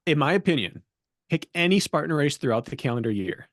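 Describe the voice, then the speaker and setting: A man's voice: on the high side, sing-song, a little fast, dry recording. A man from the middle of America, co-hosting a podcast in casual chat with dry, teasing jokes. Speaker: podcast co-host.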